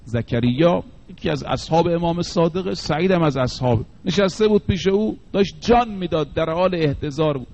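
A man, a cleric, preaching a sermon and slowing down to stress the sayings he quotes. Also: on the high side, creaky, darkish tone, lo-fi sound, slight background noise.

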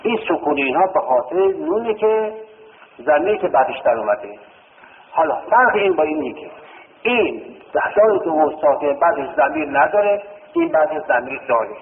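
A male teacher talks through a grammar lesson and recites verb forms one after another, asking his own questions and answering them. His voice is fairly high and very animated, jumping up and dropping low. It sounds tinny and lo-fi, caught with a long, roomy hall reverb. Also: a little hiss or hum. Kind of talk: classroom lesson.

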